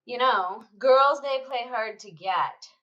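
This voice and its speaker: A bitter, crass middle-aged mother, played by a woman, nags and scolds her children in a student radio play. Her voice is bright and pitched a little high. She speaks slowly, with sarcasm in every line. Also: dull audio. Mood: sarcastic.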